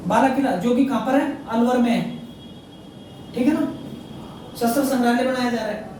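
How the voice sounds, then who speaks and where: Male tutor, mellow voice, repeats every answer, heard from far off in a boomy room. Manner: repeats facts, quizzes himself, frequent "theek hai na". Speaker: exam prep teacher. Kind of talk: current affairs lesson. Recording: very echoey room, mic far off, faint noise.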